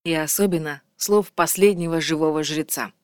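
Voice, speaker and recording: A woman voicing a wise female creature who speaks softly and in a measured way. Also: low-pitched, clear, resonant tone, dry recording, clean studio sound, close to an everyday voice. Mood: calm. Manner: soft, measured.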